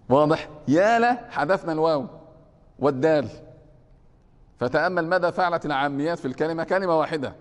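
A man's voice: fairly high pitch, moderate pace, pauses often, big-room sound. A man from Egypt with an Egyptian accent, a sheikh teaching Arabic grammar to a class and often stopping to ask whether they follow. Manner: checks the class often with rhetorical questions.

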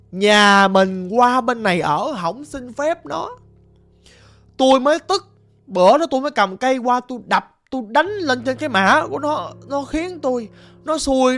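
A woman voicing the ghost of a dead man speaking through a shaman, groaning and muttering low in a ghost story. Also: dry recording. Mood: bitter.

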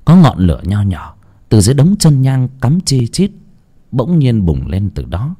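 A man narrating a ghost story dramatically, with an expressive, swooping delivery. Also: mid-range voice, moderate pace, breathy edge.

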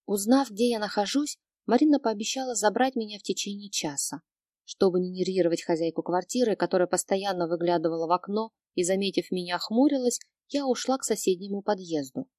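A woman narrating a first-person audiobook in an even, measured reading. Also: mid-range voice, dry recording, clean studio sound.

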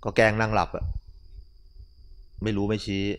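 A man, a Buddhist monk, giving a morning dharma talk as a relaxed, conversational story with casual asides. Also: on the low side, moderate pace, clean tone.

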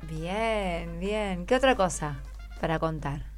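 A radio host with an Argentine accent takes it slowly in a lowish voice with lively intonation, faint music behind her in the studio. Her interview with schoolchildren is casual and effusive as she encourages the young guests.

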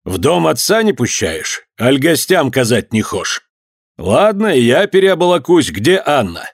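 A man's voice: medium pitch, sing-song, a little slow, no room sound, clean studio sound, heavily acted. A wrathful, domineering old merchant father, as a male narrator puts him on. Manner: loud, gruff, mocking commands.

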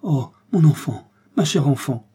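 A broken, remorseful king crying out in despair, his voice rising high and loud with each plea, as a man puts him on. The tone stays dark and husky underneath the anguish, like a storybook monarch who has lost everything. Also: flat delivery, normal speed. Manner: anguished, pleading cries. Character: grief-stricken king, older man, remorseful.

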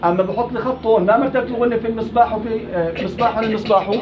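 A man teaching Quran recitation rules, quizzing his students and repeating words slowly. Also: high voice, lo-fi sound, crowd noise. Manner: quizzing students, drawn-out slow repetitions. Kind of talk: interactive tajweed class.

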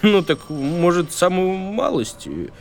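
A man playing a wry, nervous police duty lieutenant in a comic audio drama, deadpan and deferential. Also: high-pitched, slow, creaky, slight background noise, exaggerated voice. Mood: nervous deference.

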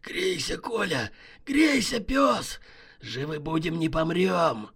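A man voicing a hoarse, hissing, excitable male criminal in a horror story, full of coarse slang. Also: extremely high pitch, measured pace, pitched above the performer's own voice, full character voice. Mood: rowdy. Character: wheezy jittery male criminal on the run.

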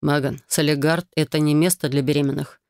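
Brief: gentle anxious dragon husband, low and quiet, read by a woman, dry close sound. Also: steady tone, brisk, gravelly, no room sound. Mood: coaxing. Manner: soft, coaxing and quiet.

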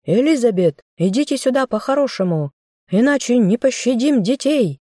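A woman voicing an arrogant, treacherous young man, a squire in armor who shouts threats. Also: lowish voice, normal speed, no echo, clean studio sound, close to an everyday voice. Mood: threatening. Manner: shouting, menacing.

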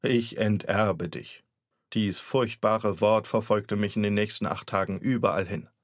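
A man's voice: fairly low pitch, fairly even intonation, moderate pace, no echo, clean studio sound. A man narrating a satirical story as an audiobook reader, in a wry, theatrical manner. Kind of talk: scripted narration.

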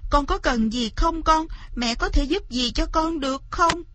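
A frightened poor mother who begs and wails in a high, strained voice, as a woman narrator puts her on. She talks slowly and cries out often. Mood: anxious. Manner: pleading, crying out high. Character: poor anxious pleading mother.

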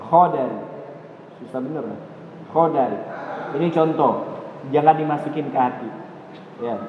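A man teaching a religious study lecture, lively, often checking with his listeners whether they follow. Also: medium pitch, normal speed. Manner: lively, asks the audience "paham?" often, talks with them. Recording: echoey hall, dull muffled sound, noisy.

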